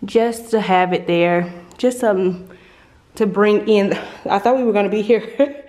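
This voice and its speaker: With a warm, mid-range voice, a woman lifestyle vlogger chats and gushes while touring her apartment indoors, recording casually on a handheld compact camera.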